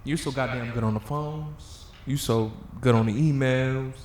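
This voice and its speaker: A man's voice: medium pitch, moderate pace, over a noisy crowd. Rambling man in an echoey room. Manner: rambling, loops back on himself. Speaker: podcast co-host. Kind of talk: casual chat. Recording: echoey room, faint ambience.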